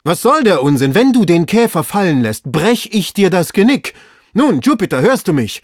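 A man doing an agitated, shouting gentleman. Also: on the high side, big pitch swings, normal speed, breathy edge, no echo, studio quality, voice pushed up. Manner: loud, urgent commands. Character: excitable gentleman treasure hunter, man, agitated. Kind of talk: audiobook reading.

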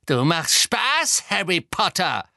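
A shrill, screeching witch, cruel and fanatical, her voice jumping far above a man's normal register, as a male audiobook reader puts her on. The tone is bright and cutting, and at times she shrieks. It sounds dry and close to the mic. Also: sing-song, slow, gravelly, no room sound, exaggerated voice. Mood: mocking menace. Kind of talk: audiobook character voice.

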